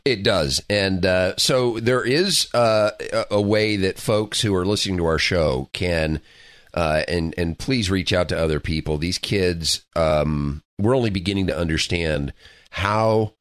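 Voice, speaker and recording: Low-voiced male radio co-host. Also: measured pace, smooth, no room sound, clean studio sound. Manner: conversational, frequent fillers and restarts. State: just getting over the flu. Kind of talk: casual radio talk show chat.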